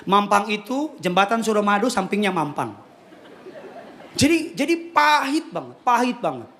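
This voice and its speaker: A man's voice: high-pitched, big pitch swings, normal speed, a bit bright, slight background noise. A man preaching a sermon to a congregation, telling his story with jokes and often raising his voice. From Jakarta. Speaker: pastor.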